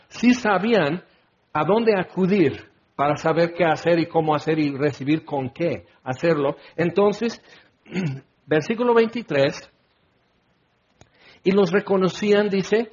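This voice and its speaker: A man preaching a sermon with animated delivery, acting out quoted voices and shouting exclamations. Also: high-pitched, highs cut off.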